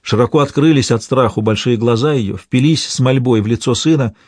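A man reads a historical tale aloud in a measured, storytelling manner. His voice sits at a typical male pitch. The recording is dry and close, with no room echo. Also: darkish tone. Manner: measured, old-fashioned storytelling. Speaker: narrator. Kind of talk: scripted audiobook narration.

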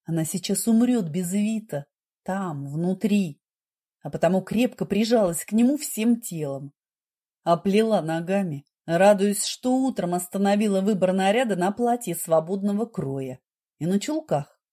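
A woman narrating an audiobook romance in a slow, measured reading. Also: medium pitch, expressive, mellow. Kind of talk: scripted narration.

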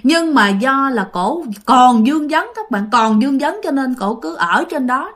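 A woman tells a ghost story, chatty and informal. She keeps turning to her listeners as she goes. Her voice sits a little high. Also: animated, unhurried, fairly bright tone.

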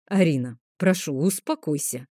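Woman lowering her voice as a condescending dragon man. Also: moderate pace, mellow, husky, no echo, studio quality. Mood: calm. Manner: soothing yet dismissive, slightly lowered voice. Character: calm, condescending male dragon in human guise. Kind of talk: audiobook character reading.

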